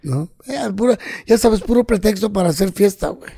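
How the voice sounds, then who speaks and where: Mexican guy telling crude stories, lots of slang, raspy gravelly voice, pretty high. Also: expressive, fairly quick, dark tone, no echo, studio quality. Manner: crude slangy storytelling, swearing. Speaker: comedian guest. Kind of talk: casual interview chat.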